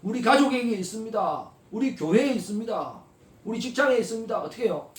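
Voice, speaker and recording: A high-pitched male pastor with a very lively voice that leaps up and down as he preaches. He keeps throwing rhetorical questions at the congregation, drops to soft asides and then rises to loud, emphatic calls. He is heard from some distance in an echoey church sanctuary. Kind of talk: sermon. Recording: echoey hall, voice from far off.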